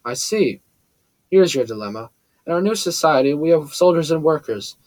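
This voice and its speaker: A man's voice: fairly high pitch, animated, normal speed, darkish tone, dry recording, natural voice, poor audio. A man voicing a cold, severe adult woman villain who sounds soothing over steely menace, in a storybook reading.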